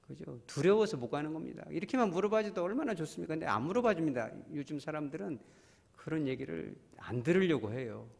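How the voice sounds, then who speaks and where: A man's voice: fairly high pitch, expressive, quick pace, vocal fry, darkish tone. Man preaching in a reverberant church. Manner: conversational preaching, acts out prayers and dialogues. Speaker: pastor. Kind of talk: sermon.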